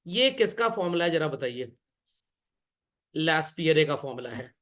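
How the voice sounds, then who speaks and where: Male teacher, high voice, jokey classroom lecture, calls students children, fires quick questions at the class. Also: fairly bright tone. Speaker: commerce teacher.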